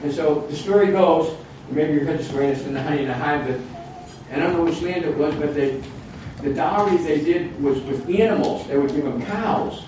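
Older man in his sixties, Bible study leader, rambling delivery, slightly high voice, recorded from far off in a very echoey room. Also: brisk. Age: 60s. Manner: rambling, with frequent restarts and asides. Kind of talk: informal Bible study talk. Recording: distant, dull, noisy room recording.

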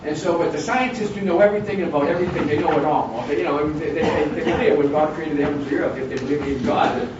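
Older man in his sixties, Bible study leader, rambling delivery, slightly high voice, recorded from far off in a very echoey room. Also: fast talker, hardly any pauses. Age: 60s. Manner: rambling, with frequent restarts and asides. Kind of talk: informal Bible study talk. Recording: distant, dull, noisy room recording.

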